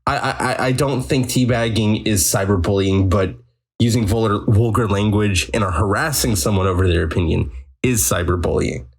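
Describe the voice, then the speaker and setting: A man's voice: lowish voice, moderate pace, husky. A man co-hosting a casual gaming podcast, teasing the others and rambling through news items with frequent restarts. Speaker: podcast co-host reading news.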